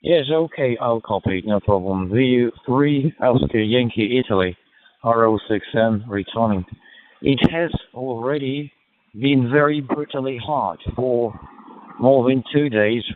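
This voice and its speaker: A man on a ham radio link, calmly giving call signs and a plain weather report. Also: mid-range voice, a little slow. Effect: heard over a ham radio link. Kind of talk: casual radio contact. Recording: narrow tinny radio audio, dry.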